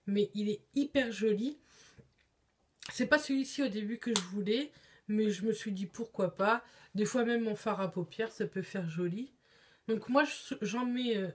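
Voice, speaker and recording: A woman's voice: medium pitch, a little hiss or hum. A woman chatting casually on camera in a beauty haul vlog, with lots of hesitations. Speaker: beauty vlogger.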